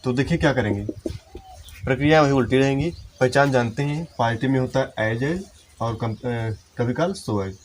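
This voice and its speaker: A man teaching English grammar in a lesson, explaining step by step and slowing down to dictate example sentences. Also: medium pitch, slight background noise. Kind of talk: Hindi-language classroom lesson.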